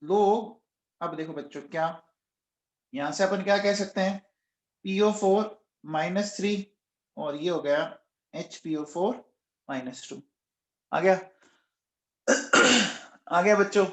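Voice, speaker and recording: In a roomy-sounding live online chemistry lecture, a man with a voice that sits high speaks slowly with long pauses. He repeatedly coaxes and quizzes his students, raising his voice to get answers and insisting he is shouting nonstop.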